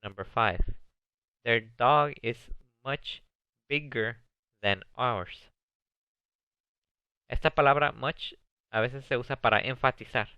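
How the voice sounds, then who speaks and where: Slow, clear-voiced male teacher. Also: mid-range voice, dry recording. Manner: slow, deliberate reading of English sentences with Spanish explanations. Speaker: ESL teacher. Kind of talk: recorded video lesson on comparative adjectives. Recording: dull, dry lo-fi sound.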